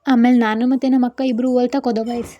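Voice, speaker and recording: A young woman talks through her day for a vlog, chatty and quick, with a high voice. She keeps turning to her viewers and calling them guys. Her speech is rapid and friendly. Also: flat delivery, mellow, dull audio, soft background music. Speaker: vlogger. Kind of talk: casual daily vlog narration.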